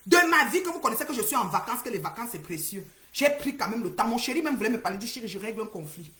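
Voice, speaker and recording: A woman with a West African French accent rants on her phone livestream in an echoey room. Her voice sits a little high and sounds bright and sharp. She calls people out over and over, swinging between loud outbursts and low mutters. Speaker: livestream host. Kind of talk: heated social media livestream rant.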